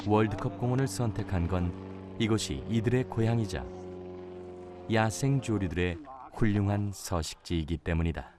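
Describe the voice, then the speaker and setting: A man giving scripted nature documentary narration in a measured, solemn storytelling manner. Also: on the low side, darkish tone, slight background noise. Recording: music behind the voice. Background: background music.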